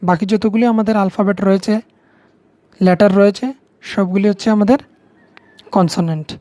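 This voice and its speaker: A woman's voice: mid-range voice, steady tone, fairly quick, dark tone, dry recording. A woman with a Bengali accent, patiently explaining English grammar to students step by step, repeating key words. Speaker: teacher.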